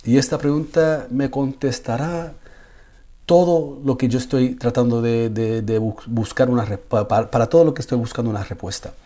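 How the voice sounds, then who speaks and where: Imam giving a personal testimony, warm low-toned voice, repeats words, builds to fervent pleading. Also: male voice, fairly even intonation, normal speed.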